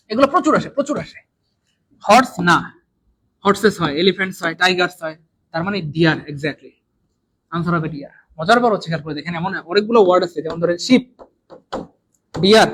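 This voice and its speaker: A man with a Bangladeshi Bengali accent teaching an English exam lesson live online, repeating and drilling words and swinging between loud and soft. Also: high-pitched, a little hiss or hum, low-quality recording.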